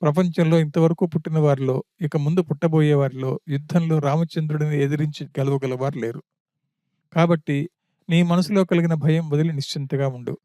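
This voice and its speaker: A man's voice: fairly high pitch, steady tone, a little fast, warm tone, no room sound, studio quality, lightly acted. A man voicing a loyal younger prince who earnestly explains himself to his elder brother, in an audiobook of an epic. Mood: pleading.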